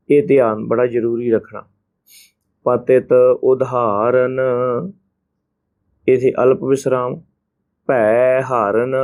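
A man with a Punjabi accent teaching scripture pronunciation. He chants each phrase slowly, then explains it in quick asides. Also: mid-range voice, darkish tone. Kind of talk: slow recitation lesson with spoken pointers. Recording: tinny phone-like sound.

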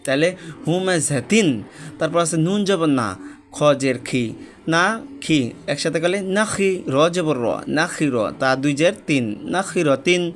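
A man's voice: a little high, unhurried, a bit bright, a little hiss or hum. A man teaching Quran reading step by step, spelling each letter with its vowel mark and joining the syllables patiently. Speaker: religious teacher.

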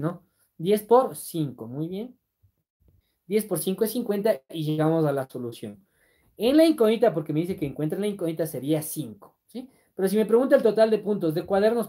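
A woman's voice: on the low side, mellow. A woman teaching math on a live stream, working through problems step by step, checking in with her students and reading their comments aloud. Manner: explains step by step, keeps checking in with "¿sí?"; reads viewer comments aloud and answers them. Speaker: math exam-prep teacher.

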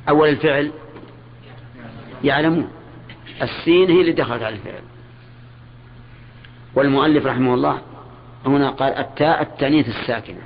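An older man teaches grammar in a measured classroom manner, repeating key words and questioning his students. His voice sits at an ordinary middle pitch. It comes through a dull, lo-fi old lecture recording with a faint hiss behind it.

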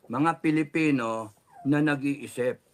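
A man's voice: medium pitch, slow. A man giving heated political commentary as a guest, speaking angrily and cursing emphatically.

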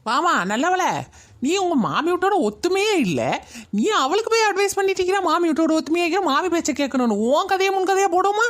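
A sharp-tongued older woman in a cartoon scolds gossips with biting sarcasm, as a woman plays her. She speaks fast in a Kayalpattinam Tamil accent. Her voice sits high. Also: sing-song. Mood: scolding. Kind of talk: cartoon voice acting.

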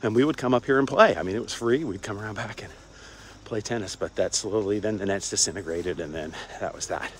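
An older man from Cincinnati, Ohio, talks a little fast in a low voice during a walk-and-talk vlog on a suburban campus. Filming on a phone at arm's length with wireless earbuds, he's rambling and chatty, chuckling and using plenty of fillers, with a little hiss or hum.

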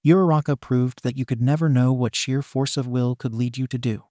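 A man narrating a fan fiction story aloud in a steady, even reading style. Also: medium pitch, a little fast, no room sound, studio quality.

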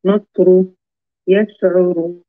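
A male student drawing out one word after another in a slow recitation drill. His voice is high for a man and flat in tone. It comes through a tinny, phone-like line. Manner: deliberate, drawn-out words with restarts.

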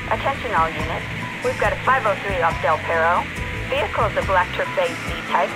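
Police radio dispatcher over a speaker. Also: male voice, high-pitched, expressive, a little fast, loud music behind the voice, low-quality recording. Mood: urgent. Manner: clipped official announcement. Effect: police radio broadcast through a speaker. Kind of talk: video game voice acting.

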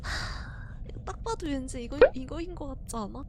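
High, lively young woman streamer. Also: normal speed, noisy background. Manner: jumpy, frightened, laughing and shrieking. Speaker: game streamer. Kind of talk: horror game let's play commentary.

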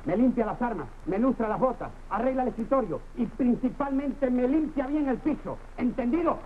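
An irritable drill sergeant in an old TV comedy sketch. He barks clipped, bossy orders in a high voice. The old soundtrack is tinny and clearly noisy. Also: animated, normal speed. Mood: angry, commanding. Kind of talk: 1960s television sketch comedy acting.

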